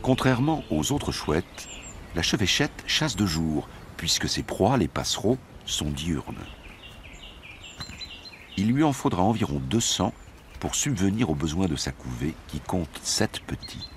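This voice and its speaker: A man narrating a nature documentary from a script, in a measured storytelling delivery. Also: low voice, very animated, slight background noise.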